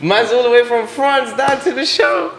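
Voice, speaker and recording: Male podcast host, relaxed slang delivery, echoey room. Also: extremely high pitch, moderate pace, slight background noise. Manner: easygoing, slangy, laughs along. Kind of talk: casual interview chat. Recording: roomy echo.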